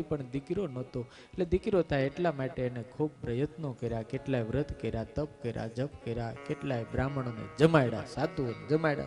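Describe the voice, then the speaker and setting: Guy preaching a scripture story, chants verses then explains, voices the characters, kinda high voice, soft music behind. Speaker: religious storyteller. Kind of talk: Gujarati scripture discourse. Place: large outdoor gathering.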